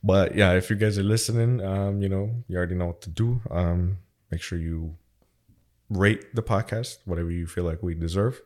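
A man's voice: low-pitched, fairly even intonation, moderate pace, darkish tone. A man hosts a casual podcast. He talks like one of the bros, full of slang and loose swearing. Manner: slangy, swearing, bro-like banter. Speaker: podcast host.

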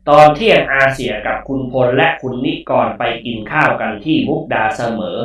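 A man's voice: medium pitch, normal speed, a bit bright, far from the mic, lightly acted. A man voicing an echoing polite talking computer. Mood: matter-of-fact. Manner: politely formal, matter-of-fact. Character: all-knowing talking computer, polite male machine. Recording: heavy echo, voice set back from the mic.

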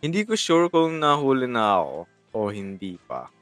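A man's voice: medium pitch, sing-song, normal speed, fairly bright tone, no echo, faint music behind. A young man with a Filipino accent in casual banter, mixing Tagalog and English within his sentences. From Philippines. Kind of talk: casual banter among friends.

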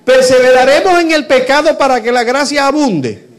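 A man preaching a sermon, asking rhetorical questions and swinging between loud emphasis and hushed lines. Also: extremely high pitch, normal speed.

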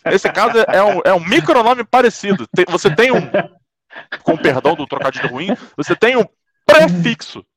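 A man's voice: fairly quick, a crowd in the background. A Brazilian man chatting casually and profanely about a TV series, often exasperated. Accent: Brazilian Portuguese. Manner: animated, profane, jumps up in pitch when exasperated.

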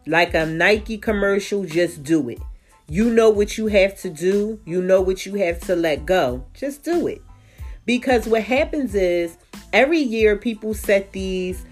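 A woman with a congested, stuffy voice, giving frank casual advice in a chatty way full of "you know.". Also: medium pitch. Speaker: vlogger. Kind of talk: casual advice talk to camera.

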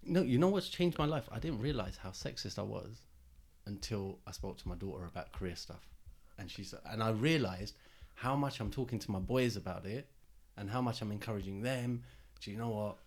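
A man's voice: fairly low pitch, brisk, husky. Laughing man, casual podcast chat. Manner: joking, laughs often, animated storytelling. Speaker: podcast co-host.

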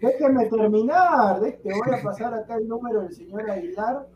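A man's voice: high voice, moderate pace, echoey room, lo-fi sound, crowd noise. A man hosting a casual sports show, teasing his co-hosts.

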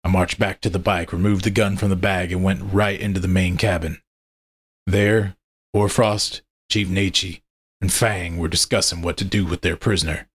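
A man narrating a first-person story in a steady, measured way. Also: low-pitched, husky.

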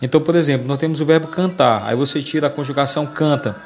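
A man's voice: a little high, quick pace. A man, teaching a grammar lesson as a podcast, explaining step by step and often restarting words.

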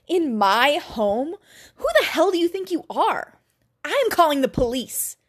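A woman voicing a young man in a short story, asking sharp, demanding questions that grow panicked. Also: a little high, wildly swooping pitch, measured pace, husky, exaggerated voice. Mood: angry.

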